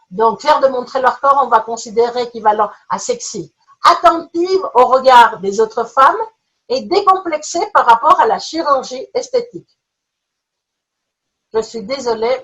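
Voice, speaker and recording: Husky higher-voiced woman on a webinar call, reading chat answers out in lively lists. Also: rough recording. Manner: reads chat answers aloud in quick lists, playful and animated. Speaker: teacher trainer running a webinar game. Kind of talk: online webinar demonstration. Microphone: computer mic on a video call.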